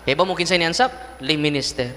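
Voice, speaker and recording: A Cebuano-accented priest preaches with a bright, forceful voice that carries. His pitch sits a little high for a man, and his sermon is lively and playful as he acts out the people in his stories. His voice rings with the long reverb of a large hall. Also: quick pace, a little hiss or hum. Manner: animated storyteller, acts out voices and laughs.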